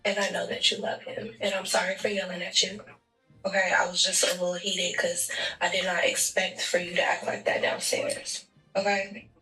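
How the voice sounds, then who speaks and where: A woman roleplays a game character in a firm, consoling big-sister manner. Her voice is very bright and sharp. It sounds distant and echoey, with music playing underneath. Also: on the low side, flat delivery, normal speed. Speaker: roleplay gamer.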